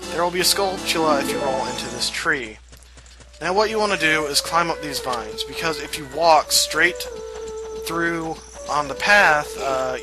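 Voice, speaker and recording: Game music runs in the background as this Southern US man, a let's play host, talks through a video game in a casual way, dropping lots of fillers and side comments. His voice sits on the high side, on a low-quality recording.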